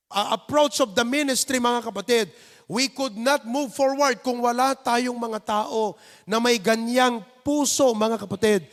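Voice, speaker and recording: A Filipino man preaching a midweek sermon as pastor, animated and acting out people's reactions. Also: very high voice, big-room sound. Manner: animated, acts out neighbors' reactions in put-on voices. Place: church sanctuary.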